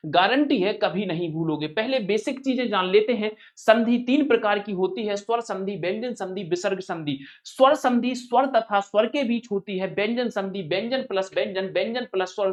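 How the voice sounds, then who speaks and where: A man teaching an exam-prep grammar lesson, repeating each point and asking and answering his own questions while calling viewers brother. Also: sits high. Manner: addresses viewers familiarly as brother.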